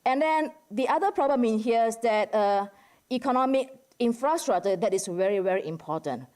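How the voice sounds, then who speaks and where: Her voice is on the high side, slightly mellow, with lively intonation. She's an Indonesian woman from Medan with an Indonesian accent, acting as an academic discussant and presenting informally to a general conference audience. She talks conversationally, halting frequently and sprinkling in "like" and "you know."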